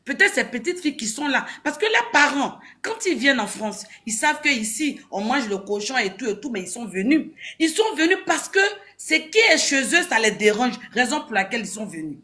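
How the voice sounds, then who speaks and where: A woman's voice: a little high, sing-song, a little fast, few pauses, pushed and bright. A woman from Ivory Coast giving a heated, insistent opinion on a talk show, repeating her phrases.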